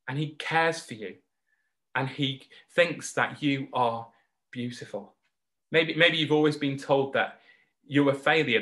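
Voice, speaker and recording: Male preacher, mid pitch, earnest and heartfelt, slow emphatic pauses; online worship sermon. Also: sharp tone. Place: home recording for an online service.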